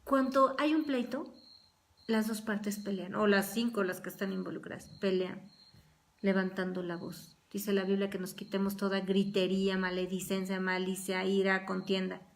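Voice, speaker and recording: A woman's voice: mid-range voice, steady tone, normal speed. Earnest woman teaching a Bible study. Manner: earnest, acts out everyday quarrels in quoted voices.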